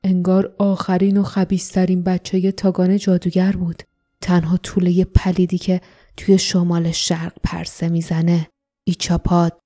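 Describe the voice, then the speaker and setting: A woman's voice: on the low side, completely flat delivery, lightly acted. A woman doing a curt, commanding male fighter. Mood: grave. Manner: sharp and curt.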